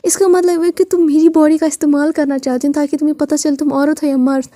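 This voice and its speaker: A woman's voice: high voice, level tone, fast, mellow, dry recording, clean studio sound, natural voice. A woman voicing a cold young mafia man. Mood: calm teasing.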